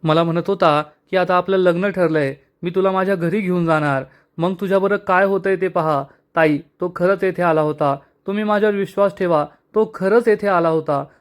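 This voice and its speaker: A man's voice: sits high, fairly even intonation, smooth, lightly acted. A man reading as a terrified pleading young woman. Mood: frightened. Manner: frightened, pleading, rushed.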